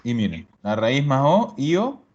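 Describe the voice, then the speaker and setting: Speaking in a mid-range voice with huge pitch swings, an Italian teacher takes his grammar class step by step, patiently repeating the answers students give. He's unhurried with a darkish tone, and the recording sounds dull and lo-fi.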